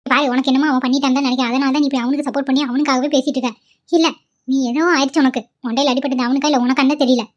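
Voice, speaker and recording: A woman's voice: high voice, level tone, rapid-fire, muffled recording, close to an everyday voice. Woman doing a scolding pushy mother. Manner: harsh, scolding. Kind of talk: cartoon voice acting.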